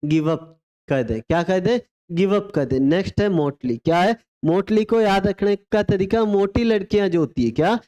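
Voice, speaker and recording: A man's voice: high voice, moderate pace, mellow, muffled recording. A man teaching an exam vocabulary lesson, spelling words out letter by letter and asking questions that he answers himself. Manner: call-and-response drilling, spells words letter by letter; asks rhetorical questions then answers them. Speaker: English teacher.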